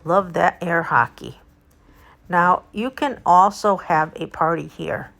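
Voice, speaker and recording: Woman w a slightly low voice doing a chatty vlog tour, music playing behind her. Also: takes it slowly, vocal fry, a bit bright. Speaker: video host and local tour guide. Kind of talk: casual vlog voice-over tour. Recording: background music under the voice.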